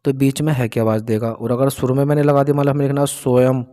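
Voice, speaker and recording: A man's voice: mid-range voice, flat delivery, fast, dark tone. Man patiently teaching shorthand. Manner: patient, asks and answers his own questions. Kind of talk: explaining a lesson step by step.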